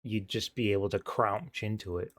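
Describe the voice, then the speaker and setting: A man's voice: lowish voice, moderate pace, no echo, studio quality. A man co-hosting a podcast in casual chat, giggly and sheepish, often trailing off mid-thought. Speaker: podcast co-host.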